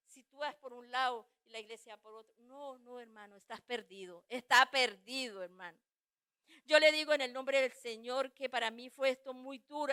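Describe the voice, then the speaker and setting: Woman, high voice, middle-aged, fervent church testimony, hushed to loud pleading. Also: clear, resonant tone. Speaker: church member giving testimony. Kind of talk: testimony sermon.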